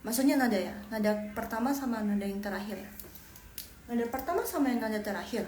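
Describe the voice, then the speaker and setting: A woman's voice: fairly high pitch, fast talker, a little mellow. A woman teaching Mandarin pronunciation in a live online lesson, chatty, repeating syllables and tones and correcting herself as she goes. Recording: echoey room with faint background noise.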